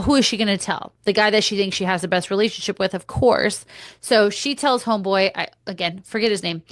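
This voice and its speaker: A woman's voice: mid-range voice, a bit bright, no echo. A woman hosting a podcast, giving blunt, opinionated commentary with casual swearing, close to the mic. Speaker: podcast host.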